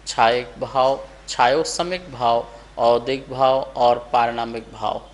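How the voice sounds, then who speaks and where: A man teaching a scripture lesson, reciting a verse word by word for students to repeat, then explaining it slowly. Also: medium pitch. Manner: measured, syllable by syllable chanting of verses. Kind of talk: slow recitation lesson with call and response.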